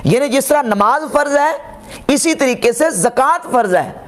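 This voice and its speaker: A man's voice: extremely high pitch, expressive, moderate pace. A man giving an argumentative religious lecture, firing rhetorical questions and quoting Arabic. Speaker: religious scholar reviewing a speech.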